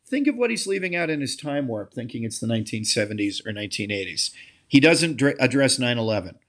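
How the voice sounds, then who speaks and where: A middle-aged man hosting a podcast, delivering an opinionated political monologue with emphatic, scornful phrasing and punchy repeated lists. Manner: emphatic and scornful, with lively swings in pitch and volume. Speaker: podcast host and political commentator.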